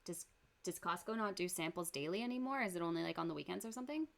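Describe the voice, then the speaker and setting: A woman's voice: lowish voice, lively intonation, quick pace, gravelly. A pregnant woman from Canada giving dry, sarcastic reaction commentary on a vlog.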